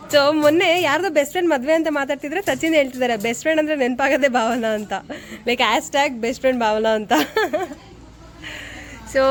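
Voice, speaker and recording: A young woman talks through her vlog in a busy family home. Her voice sits a little high and lively, and she keeps chatting, laughing and asking the people around her questions. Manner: chatty, laughs often, asks others questions. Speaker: vlogger. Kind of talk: casual vlog chat. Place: family home at an engagement function.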